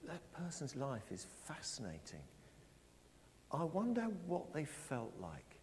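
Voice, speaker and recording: A middle-aged man preaching a sermon, asking his congregation questions and stressing his words slowly. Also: mid-range voice. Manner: lively, questioning the congregation, slow emphatic phrasing. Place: church. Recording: long church reverb.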